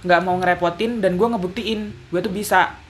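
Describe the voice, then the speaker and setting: A man from Lampung, Indonesia, telling stories in a casual chat as co-host, relaxed and quick to laugh. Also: sits high, soft background music. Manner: laid-back storytelling, laughs often.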